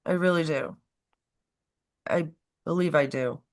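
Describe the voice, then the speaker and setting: This woman's voice is low and unhurried, congested from a cold as she co-hosts a relaxed political chat on a livestream. Her talk wanders, trails off mid-sentence, and is frequently broken by laughter.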